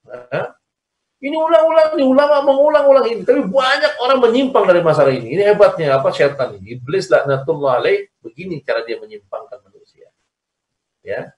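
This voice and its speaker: A man's voice: high voice, animated, a little fast, highs cut off. Man teaching an online religious lesson. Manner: explains by repetition, asks "ya kan?". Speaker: Islamic teacher. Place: recorded over a video call. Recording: echoey, distant video-call audio.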